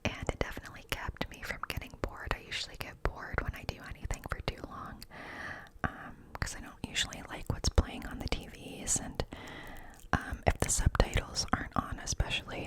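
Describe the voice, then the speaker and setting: A woman rambling casually in an ASMR style, in a breathy, unvoiced cupped-hand whisper close to the microphone. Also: fairly quick. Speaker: ASMR creator.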